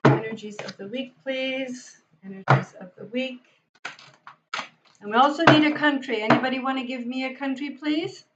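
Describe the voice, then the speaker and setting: A woman's voice: high-pitched, normal speed, very noisy. A woman hosting a live tarot reading, chatting with enthusiasm and speaking straight to her viewers. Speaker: tarot reader and livestream host. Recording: dull lo-fi sound.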